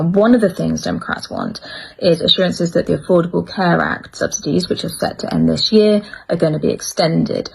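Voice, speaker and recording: Woman, lowish gravelly voice, news explainer, measured delivery, faint background noise. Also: poor audio. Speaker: commentator.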